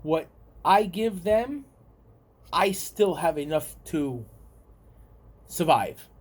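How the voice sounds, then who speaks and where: Talking very slowly in a husky, expressive voice on the high side, an American vlogger with a New York accent addresses his viewers casually. His talk wanders and repeats.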